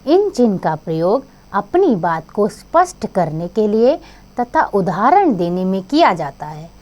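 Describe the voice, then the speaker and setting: A woman teacher explaining a grammar lesson to children, speaking slowly and clearly. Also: medium pitch, sing-song, a little mellow.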